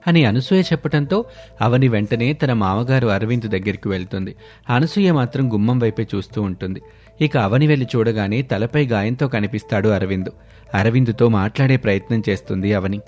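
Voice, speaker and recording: A man narrating a scripted animated moral story in a steady, dramatic way. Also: lowish voice, fairly quick, faint music behind.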